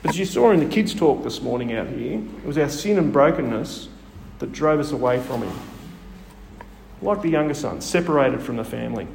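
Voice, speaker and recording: A man's voice: mid-range voice, lively intonation, normal speed, creaky, a little mellow, a little hiss or hum. A man preaching a sermon in a storytelling manner, with frequent rhetorical questions. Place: church hall. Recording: echoey hall with long reverb.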